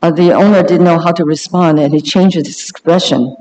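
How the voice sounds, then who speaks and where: A man working as a live interpreter, translating a sermon on the spot in short bursts, halting with fillers and self-corrections. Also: a little high, fairly even intonation, a little mellow, a little hiss or hum. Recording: long reverb of a large hall.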